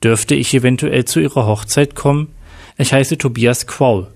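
A man's voice: medium pitch, moderate pace, creaky, darkish tone. A man voicing a polite, hesitant young caller leaving a message on an answering machine.

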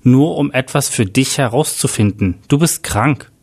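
A man's voice: mid-range voice, moderate pace, a little mellow, breathy edge. A man voicing an indignant, defensive young male assistant journalist in an audio crime story.

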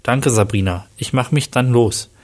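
A man's voice: medium pitch, normal speed, lightly acted. A man reading the lines of a weary male police inspector. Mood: subdued.

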